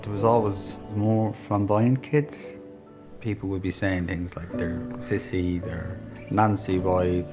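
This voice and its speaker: An Irish man with a deep, low voice tells his own story in a documentary interview, reflective and candid. Music plays clearly behind him. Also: steady tone, slow pace. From Ireland.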